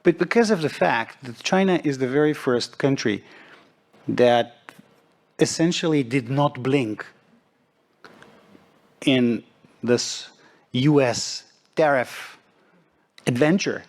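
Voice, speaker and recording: A middle-aged man from Serbia speaking as a forum panelist, measured and deliberate, with frequent pauses. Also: medium pitch. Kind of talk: panel discussion remarks.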